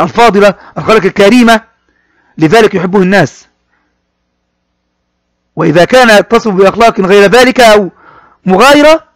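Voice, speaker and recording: A man teaching a primary school class, talking straight to the pupils and repeating words slowly as he explains them. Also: sits high, a bit bright, dry recording. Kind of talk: classroom lesson explaining a poem.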